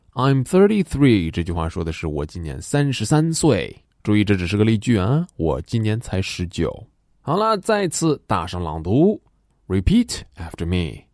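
A man with a deep, dark voice gives a pronunciation lesson, sounding out each example slowly. His pitch swings widely as he jokes. The recording is dry and close. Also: dry recording. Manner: joking, demonstrates sounds slowly and deliberately. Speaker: English pronunciation teacher.

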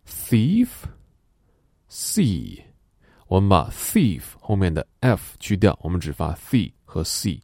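A man with a deep, dark voice gives a pronunciation lesson, sounding out each example slowly. His pitch swings widely as he jokes. The recording is dry and close. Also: no room sound. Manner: joking, demonstrates sounds slowly and deliberately. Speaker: English pronunciation teacher.

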